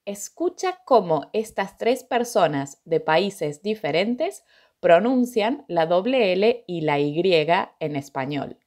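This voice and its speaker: An Argentine woman teaching an online Spanish lesson, explaining clearly and deliberately and asking rhetorical questions. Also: lowish voice, big pitch swings, a little mellow.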